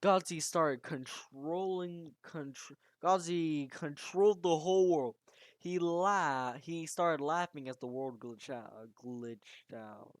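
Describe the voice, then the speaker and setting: An amateur storyteller recounts a fan-made horror tale with dramatic, animated delivery and keeps restarting sentences. The voice sits at a middling pitch and sounds dry and close, with no room around it. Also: slow pace, no echo.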